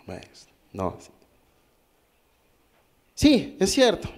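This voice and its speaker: This Peruvian man's voice is high-pitched and gravelly, with huge pitch swings and drawn-out words, as he gives a technical talk in a conference hall. Speaking with a Peruvian Spanish accent, he goes step by step, asks the audience questions and often restarts his sentences.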